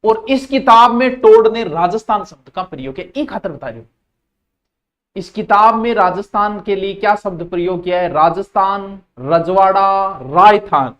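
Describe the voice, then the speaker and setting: Rajasthani accent, high-voiced male teacher. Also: normal speed, a bit bright. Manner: drills key terms by repetition, mixes in Rajasthani words. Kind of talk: live online exam-prep class.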